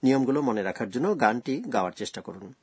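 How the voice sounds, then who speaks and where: A man presenting a scripted radio language lesson, explaining grammar rules slowly and carefully. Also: medium pitch, big pitch swings.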